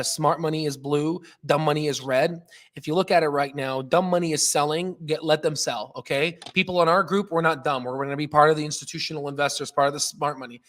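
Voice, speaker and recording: On a live stock trading stream, the male host jokes around excitedly, speaking casually and with emphasis while he comments and responds to chat. His voice runs on the high side.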